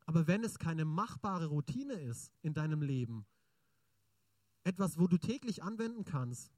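Lively high-voiced male preacher. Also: moderate pace, no room sound. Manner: lively, chatty, asks the congregation questions. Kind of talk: sermon.

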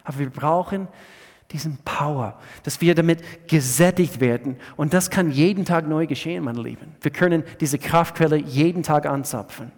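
A man preaches a sermon in a slightly raised voice, with a long reverb trailing each phrase as in a church hall. He swings from loud, emphatic lines down to soft, hushed asides. He often halts and restarts his sentences. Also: a little high. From USA. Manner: halting, with frequent restarts. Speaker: pastor.

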